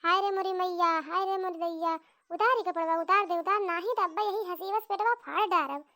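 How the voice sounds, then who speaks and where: Woman voicing shrill wailing rural mother-in-law. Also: fairly even intonation, fairly quick, sharp tone, full character voice. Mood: scolding. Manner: wailing, scolding, theatrical laments. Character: loud fat rural mother-in-law, quarrelsome. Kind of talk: cartoon comedy voice acting.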